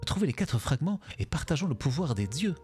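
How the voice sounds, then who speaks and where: A man's voice: on the high side, sing-song, a little fast, warm tone, soft background music, pitched above the performer's own voice. A man voicing a scheming male treasure hunter from a video game, reading the lines aloud with a wheedling lilt.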